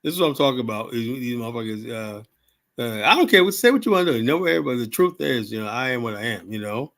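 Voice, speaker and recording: A man's voice: mid-range voice, lively intonation, a little fast, fairly bright tone. Rambling, profane older man streaming. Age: 70s. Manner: rambling, blunt, profane, frequent "you know?". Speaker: livestream host. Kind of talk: casual live-stream monologue.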